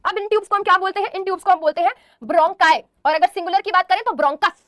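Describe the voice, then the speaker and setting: A woman's voice: extremely high pitch, very fast, fairly bright tone, no room sound, studio quality. A young woman teaching a biology lesson, calling students "beta" and asking and answering her own questions, slipping English terms into her explanations. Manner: mixes English terms into speech.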